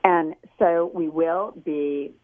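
A woman's voice: low-pitched, fairly even intonation, takes it slowly. An older woman from California, a guest author, speaking over a phone line in a chatty, rambling, storytelling way. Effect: heard over a phone line. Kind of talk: phone interview.

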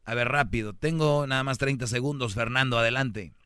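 A man with a Mexican accent hosts a call-in radio show, handing out blunt, teasing advice. His voice is bright and forceful, and it sits close and dry on a studio mic. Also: mid-range voice, a little fast, clean tone, dry recording. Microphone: studio microphone.

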